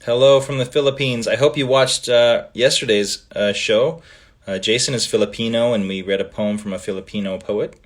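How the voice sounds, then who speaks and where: On a relaxed livestream, a medium-pitched Canadian man reads out comments from fans, um-ing often and trailing off into pauses. His first language is Italian.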